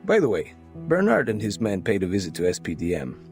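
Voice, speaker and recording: An actor playing a male underling who delivers a sober, measured report to his superior in a game, with a gravelly voice. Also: fairly low pitch, wildly swooping pitch, darkish tone. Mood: calm. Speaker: game character. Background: game music.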